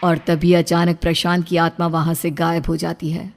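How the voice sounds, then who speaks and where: A woman's voice: lowish voice, monotone, normal speed, slight background noise. A woman narrator delivering a scripted horror story.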